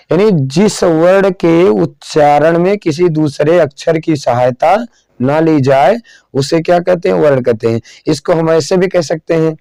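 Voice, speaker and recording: Man, teacher, slow measured delivery, repeats and quizzes himself, dry close recording. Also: fairly high pitch, warm tone, no room sound. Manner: slow, repeats phrases and asks then answers his own questions; drawn-out dictation while writing on a board. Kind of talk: classroom lesson.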